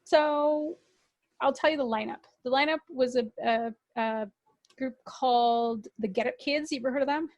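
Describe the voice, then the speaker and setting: High-voiced Canadian woman telling a story. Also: normal speed, no room sound. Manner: animated, swearing, acts out quoted voices. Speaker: guest musician. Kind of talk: casual storytelling.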